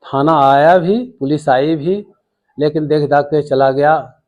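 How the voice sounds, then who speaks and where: A man's voice: fairly high pitch, steady tone, slow, a little mellow. An older man, giving an earnest, pleading account to a local news reporter and calling him sir. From Bihar, India. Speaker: complainant interviewed by a reporter.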